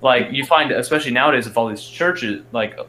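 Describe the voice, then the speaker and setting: Young man, measured, trailing off. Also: medium pitch, a crowd in the background. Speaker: podcast co-host. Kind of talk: casual chat.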